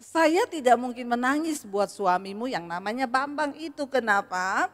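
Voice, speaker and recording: High-voiced woman pastor preaching with humor. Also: animated, moderate pace, fairly bright tone. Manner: addresses the audience directly. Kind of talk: sermon. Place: church hall. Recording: echoey church hall.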